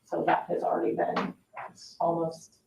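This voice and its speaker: A woman on the parks staff addresses an indoor public board meeting in a fairly low, completely flat voice with vocal fry, at normal speed. She explains informally with some hedging. Background noise is present, and the distant, dull mic catches the room's echo.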